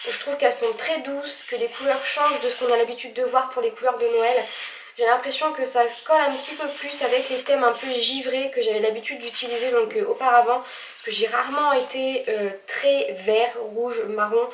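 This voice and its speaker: A woman with a blocked nose, talking a bit higher than most and hesitating often. She sounds set back from the mic, her voice echoing in a room with faint noise behind it. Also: fairly even intonation, normal speed, recorded from a distance. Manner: chatty, many hesitations, gushing. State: stuffy nose, speaking with effort. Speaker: vlogger. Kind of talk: casual haul video.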